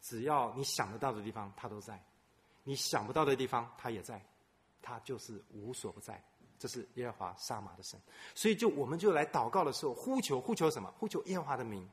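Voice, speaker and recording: A man preaching a sermon, swinging between loud, emphatic bursts and soft, low asides, and repeating phrases for emphasis. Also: lively intonation, a little fast.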